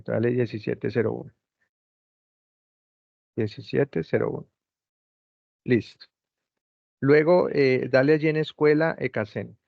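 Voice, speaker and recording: A man with a medium-pitched, vocal-fry voice tutors an online class over a video call, patiently repeating step-by-step instructions. The call audio is dull, lo-fi, and dry, with no room sound.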